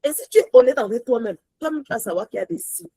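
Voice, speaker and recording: A woman teaching a Bible study in a lively, animated way, mixing in English phrases, sometimes near-shouting with joy, then dropping low and soft. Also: fast, gravelly, breathy edge, no room sound, rough recording. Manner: rises to joyful near-shouts, drops to soft low asides.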